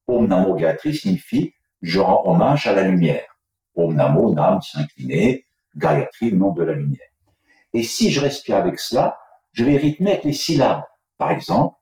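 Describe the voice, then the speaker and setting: Measured man with a low, animated voice. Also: recorded from a distance. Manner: slow, measured, chanting mantras. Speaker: yoga teacher. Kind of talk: explanatory talk in an interview. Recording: echoey room, voice from off-mic.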